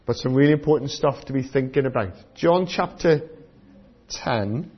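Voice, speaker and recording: A man's voice: mid-range voice, animated, normal speed, husky, dull audio. A British man giving a children's sermon, teaching like a kids' presenter with simple questions put to the listeners. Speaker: preacher giving a children's talk. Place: church.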